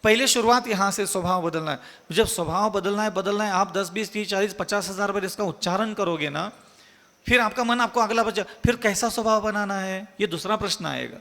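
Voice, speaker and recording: A man's voice: sits high, fairly quick, a bit bright, in a large hall. A man, a monk, giving an emphatic, repetitive sermon full of rhetorical questions. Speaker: Jain monk giving a discourse.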